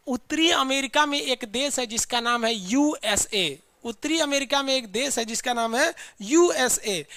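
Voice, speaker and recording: Chatty teacher drilling a class. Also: male voice, extremely high pitch, gravelly, sharp tone, no echo. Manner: drills class in call-and-response lists; chatty, scolding asides to students. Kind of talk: live online geography class.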